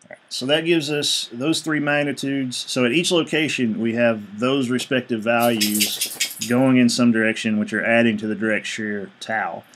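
A man's voice: medium pitch, fairly even intonation, moderate pace, fairly bright tone, slight background noise. A male engineering instructor giving a screencast lecture, explaining each step evenly and reading out numbers as he works.

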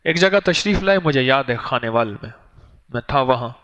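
A man giving a sermon, with storytelling passages and slow, chanted litanies. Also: mid-range voice, animated, fairly bright tone. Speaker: religious teacher.

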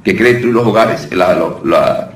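A man's voice: on the low side, lively intonation, measured pace. Man preaching in a roomy hall. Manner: conversational, often calls listeners brother, with many restarts. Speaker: deliverance minister teaching. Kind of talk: informal preaching lesson. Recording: roomy sound from a distant mic with faint noise.

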